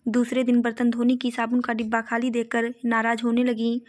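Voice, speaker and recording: A woman narrates a moral story in a steady, scripted way. Her voice sits fairly high, with almost no rise and fall. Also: brisk.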